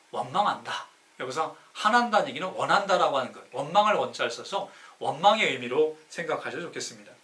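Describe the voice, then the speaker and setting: A man with a slightly high, bright and forceful voice hosts a live-streamed lecture explaining classical poetry, posing rhetorical questions and answering them himself. A city councilor by role, he's emphatic and didactic, stretching key words despite a sore throat.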